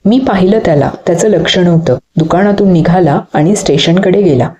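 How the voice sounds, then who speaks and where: A woman's voice: lowish voice, fairly quick, mellow, dull audio, close to an everyday voice. A woman reading the part of a carefree older brother who teases his younger sibling in a playful, mocking way. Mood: casual.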